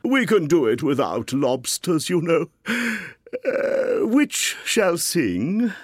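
A sentimental, mournful old turtle creature from a children's storybook. The words are slowly stretched with theatrical wistfulness, rising and falling widely in a close, dry recording. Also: medium pitch, huge pitch swings, slightly rough, no room sound, pitched above the performer's own voice, full character voice. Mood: gently eager. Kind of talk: children's audiobook character voice.

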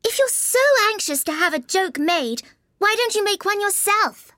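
Man voicing a very high-pitched prim young girl. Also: animated, normal speed, sharp tone, dry recording, clean studio sound, heavily acted. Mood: impatient. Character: Alice, curious, impatient young girl.

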